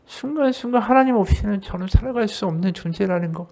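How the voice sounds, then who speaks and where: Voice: mid-range voice, quick pace, mellow. An associate pastor preaching a sermon at a church service, talking straight to the congregation and asking them rhetorical questions.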